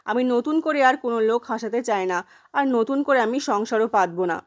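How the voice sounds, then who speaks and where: A woman's voice: fairly high pitch, quick pace, close to an everyday voice. A woman voicing a firm, defiant middle-aged mother in a retold soap-opera scene.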